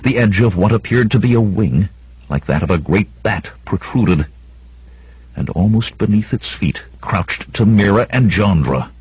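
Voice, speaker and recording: A man narrating an adventure audiobook in a steady, measured way, with a husky voice, recorded close to the mic. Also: no room sound, rough recording. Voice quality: deep and husky. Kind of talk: scripted narration.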